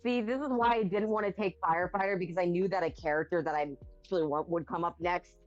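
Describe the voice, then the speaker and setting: A woman with a somewhat low voice chats casually with friends during a stream. Her mic sounds muffled and lo-fi, with faint music underneath. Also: fairly even intonation, fast talker. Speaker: co-host in a reading collab. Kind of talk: casual chat.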